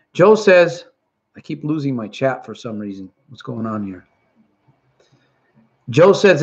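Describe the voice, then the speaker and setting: A middle-aged man born in Puerto Rico and raised in Connecticut hosts a motivational live stream as a recovery coach, reading chat messages with earnest, repeated emphasis. His voice is medium in pitch, and the recording has its highs cut off.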